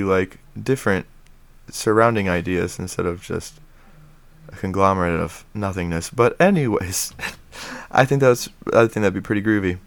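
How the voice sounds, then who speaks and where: A man's voice: fairly low pitch, gravelly, dry recording. A man chatting casually in a laid-back, slangy way. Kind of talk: casual chat.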